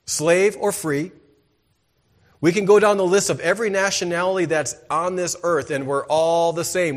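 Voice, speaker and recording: In a church sermon, a man who serves as pastor throws out rhetorical questions and prompts the crowd for "amen." He swings between emphatic, loud statements and quiet murmured asides.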